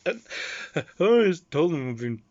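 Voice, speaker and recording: A man with an Australian accent telling casual convention anecdotes in an animated, loose storytelling manner. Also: on the high side, unhurried, highs cut off.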